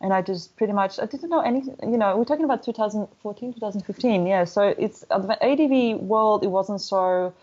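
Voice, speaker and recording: A woman's voice: mid-range voice, quick pace, hardly any pauses, a little mellow, lo-fi sound. A woman in her thirties from Poland with a Polish accent, talking candidly in a casual interview, full of restarts and "you know" fillers. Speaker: guest, motorcycle traveler.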